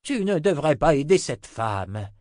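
A man voicing a grumpy but tender old male wizard, with a grumbling, gruff delivery. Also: medium pitch, lively intonation, measured pace, no echo, studio quality, pitched above the performer's own voice, natural voice.

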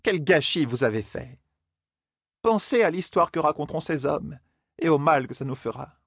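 A man's voice: on the high side, animated, normal speed, husky, no echo, clean studio sound, pitched above the performer's own voice. A man putting on a stern scolding sorceress. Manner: scolding, lecturing. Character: stern commanding older woman sorceress. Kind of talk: audiobook character voice.

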